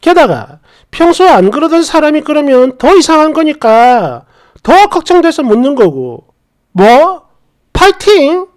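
A woman's voice: high-pitched, sing-song, moderate pace, a little mellow. A woman reading a first-person story aloud, with an indignant, questioning tone. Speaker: story narrator.

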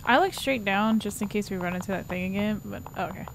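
A woman's voice: medium pitch, fast, creaky, a little hiss or hum. A woman streaming a horror game, commenting in a casual, joking and profane way. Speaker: gaming streamer. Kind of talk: let's-play commentary.

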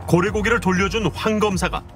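A man narrating an investigative documentary in a measured, serious tone. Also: high voice, fairly bright tone. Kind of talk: scripted narration. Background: music.

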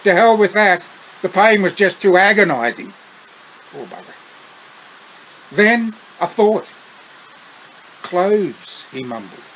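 A man with an Australian accent reading his own story aloud, unhurried, breaking off for chuckling asides. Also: high voice, a bit bright, slight background noise, rough recording.

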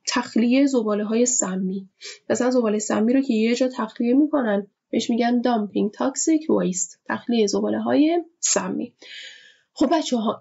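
A woman teacher giving a vocabulary lesson, explaining words slowly and repeating each one with its meaning. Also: a little high, vocal fry, mellow, breathy edge. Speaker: English teacher. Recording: dull lo-fi recording.

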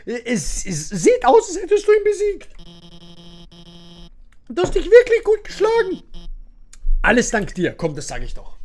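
A woman's voice: on the low side, slightly rough. A woman streaming a game, swearing and chatting casually to her viewers. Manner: swears, chats to viewers and chat. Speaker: gamer streamer. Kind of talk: casual let's-play commentary. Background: faint game music.

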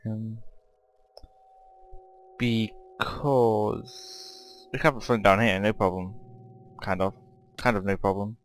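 Slow, low-voiced man thinking aloud. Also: fairly even intonation, faint music behind. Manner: rambling, thinks aloud and questions himself. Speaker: game player and channel host. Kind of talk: casual let's-play commentary.

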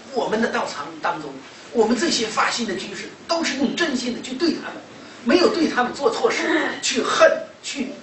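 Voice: medium pitch, a bit bright. A lecturer with a Shandong Mandarin accent tells a story animatedly, acting out conversations and laughing often. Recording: echoey, distant, noisy room recording.

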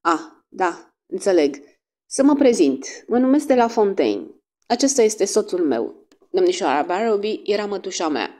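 A woman voicing a poised, educated lady of the house who speaks with a crisp, authoritative tone. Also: mid-range voice, very animated, a little mellow, voice pushed up, close to an everyday voice. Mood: cool.

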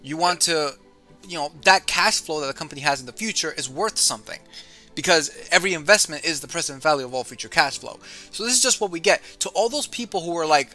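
A man's voice: fairly high pitch, fast, soft background music. A man hosting an investing show, chatting casually while running through stock prices with a guest. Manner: lively, reads stock figures, says "dude". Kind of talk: casual market rundown chat.

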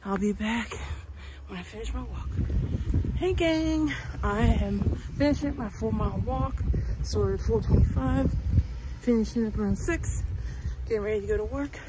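A woman's voice: a little high, normal speed, long pauses. Breathless woman vlogging on a windy walk. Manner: upbeat, motivational, talks while walking. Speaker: fitness vlogger. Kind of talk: casual walking vlog. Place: outdoors on a cold windy street, later in a car. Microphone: phone at arm's length. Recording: noisy outdoor phone recording.

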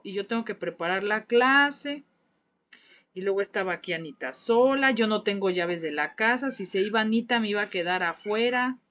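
A woman's voice: fairly high pitch, fairly bright tone. A woman with a Mexican accent teaching a live painting class, chatting and gossiping with her viewers as she works. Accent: Mexican Spanish. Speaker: craft teacher.

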